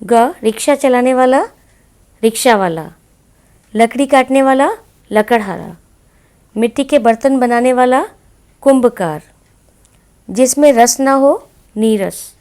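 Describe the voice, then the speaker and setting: A woman teaching a language lesson, her voice sitting fairly high. She speaks slowly and deliberately, addressing her students directly as she goes through each exercise. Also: darkish tone. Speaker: Hindi teacher. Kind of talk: classroom lesson explaining exercises.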